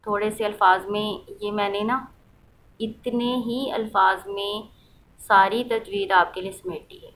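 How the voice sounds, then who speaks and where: A woman's voice: mid-range voice, steady tone, unhurried, fairly bright tone, a little hiss or hum, poor audio. A woman teaching the rules of Quran recitation, patiently asking questions and then answering them, and reciting examples aloud to show how they sound. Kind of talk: explaining a lesson.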